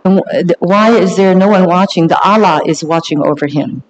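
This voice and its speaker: A man working as a live interpreter, translating a sermon on the spot in short bursts, halting with fillers and self-corrections. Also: high voice, lo-fi sound. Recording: long reverb of a large hall.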